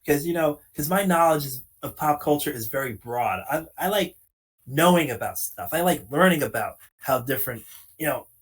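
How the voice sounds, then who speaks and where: Earnest man pushing forty, fairly high voice. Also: expressive, moderate pace, breathy edge. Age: late 30s. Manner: earnest, explaining, many "you know" fillers. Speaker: podcast co-host. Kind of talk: casual conversational talk.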